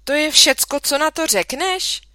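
A woman voicing a shrill, exasperated mother in a children's story, scolding in high, loud outbursts. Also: lively intonation, dry recording, studio quality. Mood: indignant. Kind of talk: storybook reading.

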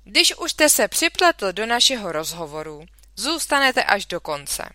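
A woman's voice: medium pitch, very animated, bright, forceful tone, no echo, voice pushed up. A woman reading a children's story aloud, voicing an indignant, scolding mother in a dry room. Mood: commanding.

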